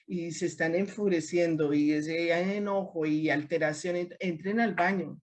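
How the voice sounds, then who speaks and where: A woman leading a women's discipleship class, teaching in a lively way and acting out quoted speech. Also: fairly low pitch, normal speed. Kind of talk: teaching a group discussion.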